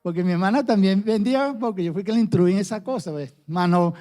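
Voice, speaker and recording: A middle-aged man with a Venezuelan accent giving a personal testimony at church, halting and often repeating his words. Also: high voice, dark tone, soft background music. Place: church service.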